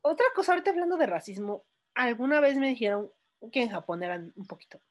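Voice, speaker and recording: A woman with a Mexican accent hosting a casual podcast chat, telling stories in a relaxed, joking way. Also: fairly high pitch, fast. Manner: relaxed, storytelling with jokes. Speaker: podcast host.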